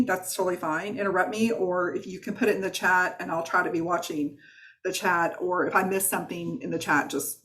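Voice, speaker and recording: Southern lady coach on a video call, lowish voice, chatty and encouraging, lots of ums. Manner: chatty, encouraging, with fillers and restarts. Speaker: wellness coach. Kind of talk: live online workshop teaching.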